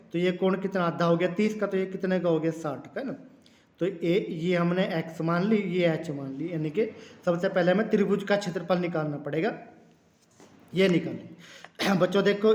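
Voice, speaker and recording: High-voiced male math teacher, echoey room. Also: a little mellow. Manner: explains step by step, addressing the students as "children"; repeats key words, clears throat now and then. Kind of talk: classroom math lesson.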